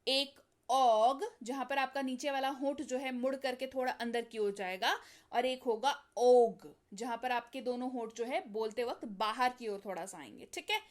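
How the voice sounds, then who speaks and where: A woman's voice: high voice, normal speed. A woman teaching an English phonics lesson, patiently repeating sounds and checking that her students follow.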